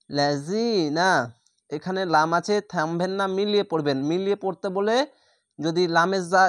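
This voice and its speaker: A man teaching a Quran reading class, spelling each word syllable by syllable and then reciting it slowly and drawn out. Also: fairly high pitch, dry recording, studio quality.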